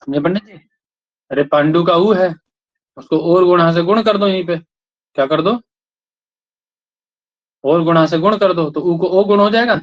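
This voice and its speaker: A man's voice: sits high, unhurried, pauses often. A man teaching a Sanskrit grammar class who keeps repeating his questions and prodding students to answer. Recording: dull lo-fi sound.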